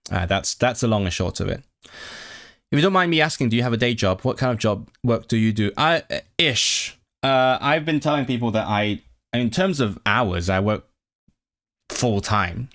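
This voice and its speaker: Speaking at normal speed in an expressive, slightly bright mid-range voice, a young man talks casually with his live-stream viewers about tutoring. His delivery is hesitant, full of fillers and restarts as he works out his thoughts aloud.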